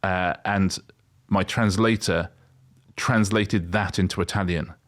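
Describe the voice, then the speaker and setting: A man's voice: low-pitched, fairly even intonation, slow pace. A middle-aged man co-hosting a podcast, chatting casually and wryly, rambling with frequent restarts. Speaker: podcast co-host. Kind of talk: casual chat.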